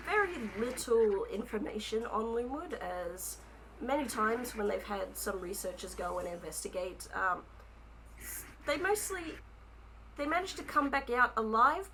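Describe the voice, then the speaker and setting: A woman's voice: on the high side, a bit bright, slight background noise, rough recording. A woman running a tabletop game as game master, narrating casually with many restarts. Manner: casual, lots of fillers and restarts.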